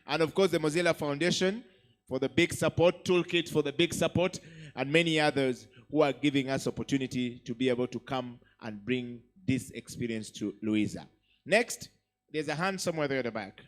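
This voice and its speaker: A man MCs a live summit in a hall full of audience members, his mid-range voice brisk. He hosts the crowd emphatically and encouragingly, often repeating himself as he calls for applause.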